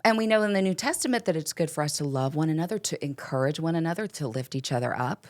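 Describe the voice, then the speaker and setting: A woman's voice: low-pitched, expressive, quick pace, darkish tone. A middle-aged woman co-hosting a casual faith podcast, chatting in a playful, teasing and sarcastic way. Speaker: podcast co-host.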